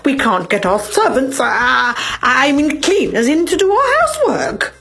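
A woman's voice: high-pitched, big pitch swings, pushed and bright, slight background noise, exaggerated voice. A woman voicing a snobbish, fussy posh lady in a children's comedy sketch, haughty and melodramatic. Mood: indignant. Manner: haughty, dramatic, drawn-out complaints.

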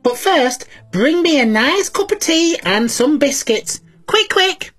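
A woman's voice: high-pitched, sing-song, slow, fairly bright tone, heavily acted. A woman playing a chatty, cheeky elderly granny cleaner, talking to children at home. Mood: cheery. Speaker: children's show presenter in character.

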